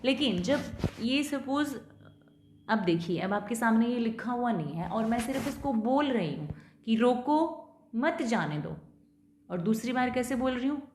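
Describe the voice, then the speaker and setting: A woman teacher with an Indian accent explains a lesson, reading English definitions slowly and deliberately, then explaining them casually. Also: on the high side, animated, darkish tone, reverberant, slight background noise. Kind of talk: lecture mixing Hindi and English.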